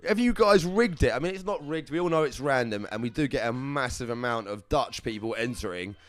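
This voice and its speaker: A man's voice: mid-range voice, expressive, fairly quick. Chatty man hosting a live draw. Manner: chatty and upbeat, calls viewers lovelies and brother. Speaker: live competition draw host. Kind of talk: casual livestream chat.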